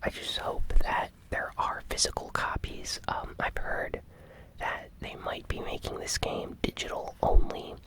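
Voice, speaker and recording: A host whispers an ASMR recap of gaming news, breathy and hushed, unhurried yet gently enthusiastic.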